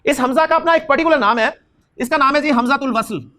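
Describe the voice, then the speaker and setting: A man teaching Arabic grammar in a classroom lecture, quizzing his students and slowly repeating key terms. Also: very high-pitched, sharp tone. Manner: questions students and drills answers back.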